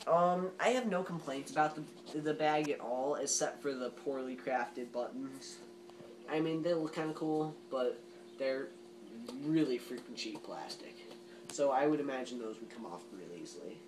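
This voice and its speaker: A man's voice: mid-range voice, normal speed, background noise. A man giving a casual, rambling gear review as a reviewer, informal and emphatic with plenty of hyperbole. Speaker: gas mask reviewer.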